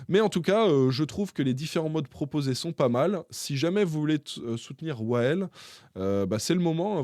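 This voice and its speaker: A man runs through tech news for his viewers in a loose, conversational way. He often stops on fillers and restarts his phrasing. His voice sits at an ordinary mid pitch, recorded close and dry. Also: darkish tone, no room sound. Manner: chatty, hesitant, frequent filler pauses; addresses viewers directly. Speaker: tech YouTuber. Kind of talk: casual tech news commentary.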